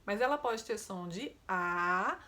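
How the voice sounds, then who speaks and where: A woman's voice: mid-range voice, lively intonation, slow, bright, forceful tone. A woman speech therapist, giving a patient, didactic online lesson and often checking in with tag questions.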